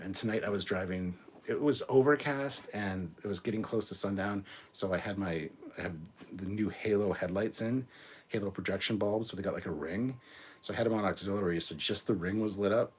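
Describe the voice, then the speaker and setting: A man in his forties with a very low, husky voice hosts a live stream. He rambles along in a relaxed way, answering viewer comments with plenty of ums and half-finished restarts. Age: 40s.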